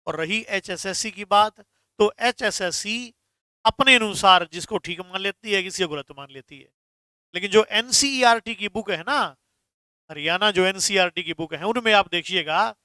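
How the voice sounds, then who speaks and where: A man's voice: high-pitched, pushed and bright, dry recording, studio quality. A man teaching a Hindi grammar class online, stressing key words and answering viewers' comments.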